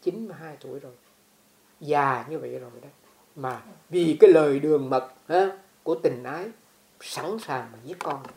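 A woman's voice: sits low, normal speed, creaky, darkish tone, echoey room, slight background noise. A woman voicing a wise old male Bodhisattva who teaches a lesson. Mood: instructive.

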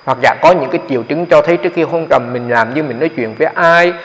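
A man's voice: fairly high pitch, quick pace, fairly bright tone. A man, a Buddhist monk giving a dharma talk on meditation in a conversational, explanatory way, often repeating his words. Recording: echoey hall, dull lo-fi sound.

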